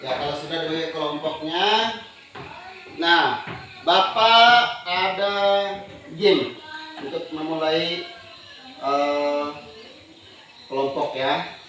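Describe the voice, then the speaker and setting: Male teacher shouting game cues to his class, high voice, slow, echoey room from far off. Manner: calls out commands loudly, leading a concentration game. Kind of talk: classroom instruction.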